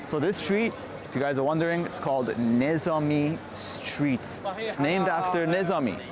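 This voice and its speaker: A man's voice: a little high, moderate pace, a loud crowd. A man giving a chatty, casual walking tour as a travel vlogger outdoors on a city street. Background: street noise and vehicles.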